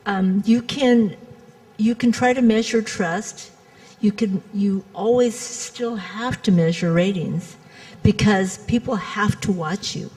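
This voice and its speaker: A woman's voice: medium pitch, slow pace, a little mellow, rough recording. A woman panelist explaining her points methodically in a conference discussion.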